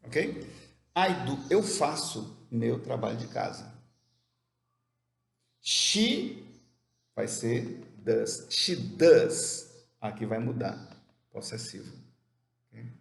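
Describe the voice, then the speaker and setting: A man teaching an English grammar lesson who explains step by step, asks questions and answers them himself, and reads the English examples slowly and carefully. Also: medium pitch, animated, creaky. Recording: echoey room with faint background noise.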